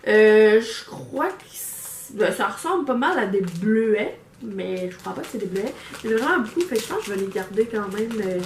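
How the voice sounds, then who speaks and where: A woman's voice: medium pitch, expressive, moderate pace. A woman with a Québécois French accent chatting casually through an unboxing, rambling with lots of fillers and restarts, recorded on a camera mic. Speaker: vlogger reviewing a subscription box. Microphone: camera microphone. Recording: echoey room with faint background noise.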